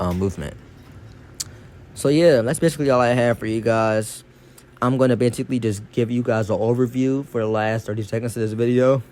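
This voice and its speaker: A man's voice: lowish voice, a little mellow, a little hiss or hum. A man giving a casual, slangy exercise tutorial as a fitness instructor, his speech slightly impeded by dental braces.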